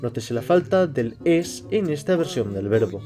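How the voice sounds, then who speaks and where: A man, reading a scripted explanation at a measured pace. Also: medium pitch, big pitch swings, over music. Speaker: channel host. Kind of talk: scripted narration.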